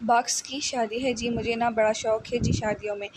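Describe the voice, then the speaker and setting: A shy, polite young transgender woman lingers over her words with soft deference, as a woman narrator puts her on. The voice sits a little high, and a heavy hiss of noise runs under the storybook reading. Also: fairly even intonation, close to an everyday voice. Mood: grateful, eager. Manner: drawn-out, deferential speech with many "ji". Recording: loud background noise.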